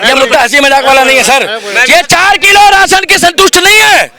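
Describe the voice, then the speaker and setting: A man giving his opinion in a heated street debate, forceful and argumentative, talking over others. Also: very high voice, fairly quick, a crowd in the background. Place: busy city street outdoors.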